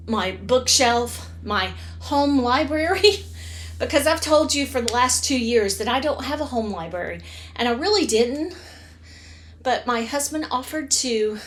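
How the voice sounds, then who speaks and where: A middle-aged woman chatting casually to camera from her home reading room, rambling and correcting herself as she goes. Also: a little high. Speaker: book vlogger.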